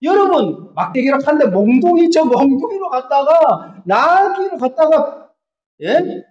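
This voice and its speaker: A male pastor preaching a sermon in an animated way, often putting questions to the congregation. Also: very high-pitched. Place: church sanctuary. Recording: echoey church hall, dull lo-fi sound.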